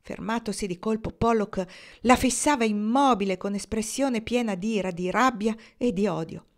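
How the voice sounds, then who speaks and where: A woman reading a historical novel aloud in a measured, expressive way. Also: mid-range voice. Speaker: audiobook reader.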